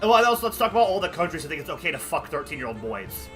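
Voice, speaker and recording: A man on a game stream, ranting in a heated, profane way with constant fillers. His voice sits a little high and sounds very bright and sharp, with faint music underneath. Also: big pitch swings, very fast. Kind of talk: casual chat during a game stream.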